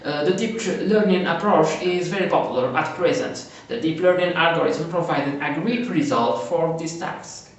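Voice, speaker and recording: A Moroccan man whose first language is Arabic reads a prepared research talk from his slides at a conference. His fairly high voice stalls often, full of "uh" fillers and self-corrections. The mic sits far away, and the recording echoes heavily.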